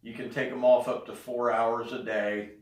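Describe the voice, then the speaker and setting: A middle-aged man giving a casual spoken update, talking haltingly with pauses in mid-sentence. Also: medium pitch, flat delivery. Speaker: vlogger giving a health update. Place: indoors in an echoey room. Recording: echoey room, distant mic.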